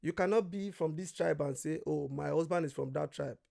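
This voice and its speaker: Man with a gravelly voice. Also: on the high side, fairly quick. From Nigeria. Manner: animated storyteller who acts out quoted voices and swears freely. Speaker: guest. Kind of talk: casual conversation.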